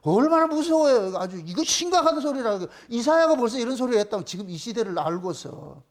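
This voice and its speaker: A man's voice: extremely high pitch, big pitch swings, brisk. A male pastor with a Gyeongsang Korean accent, preaching a sermon in an emphatic, mocking way, full of rhetorical questions.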